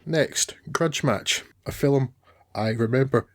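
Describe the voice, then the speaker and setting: A man's voice: mid-range voice, takes it slowly, soft background music. A man co-hosting a film podcast, giving loose, rambling opinions with hesitations and some laughs at himself. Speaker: podcast co-host. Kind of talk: casual film review chat.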